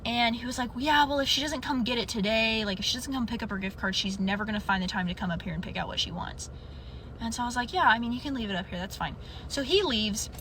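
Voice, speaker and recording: A woman's voice: on the high side, fast, a little hiss or hum. A young woman casually telling a story from her customer service job, acting out the people in it. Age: young adult. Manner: animated retelling, acts out quotes. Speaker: storyteller in a clip.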